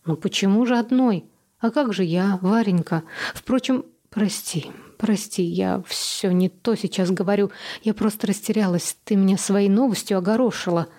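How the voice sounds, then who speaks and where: A woman's voice: medium pitch, normal speed, dark tone, close to an everyday voice. A woman voicing a tearful, self-pitying middle-aged mother who asks plaintive, fretful questions. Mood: dismayed.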